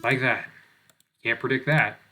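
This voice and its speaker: A man's voice: medium pitch, fairly even intonation, unhurried, bright, forceful tone, soft background music. A young man giving casual gameplay commentary, rambling with lots of fillers, swearing and making fun of himself. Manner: rambling, self-deprecating, swears often, many fillers. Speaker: gaming channel host.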